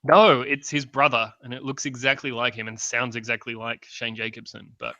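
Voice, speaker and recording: Chatty man, bright, dry-sounding voice. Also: mid-range voice, flat delivery, moderate pace, dry recording. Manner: rambling, wry, lots of "um" fillers. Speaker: film review podcast host. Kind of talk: casual review chat.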